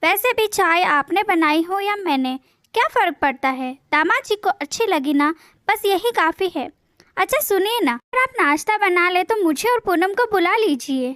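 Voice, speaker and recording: A woman's voice: extremely high pitch, expressive, normal speed, a bit bright, dry recording, clean studio sound. A woman doing a sly scheming mother. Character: bossy scheming middle-aged mother of the bride.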